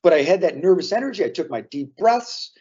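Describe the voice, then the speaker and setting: A man's voice: sits high, lively intonation, fairly quick, dark tone, husky, lo-fi sound. A man co-hosting a casual podcast, talking earnestly and drawing lessons from sports memories. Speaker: podcast co-host.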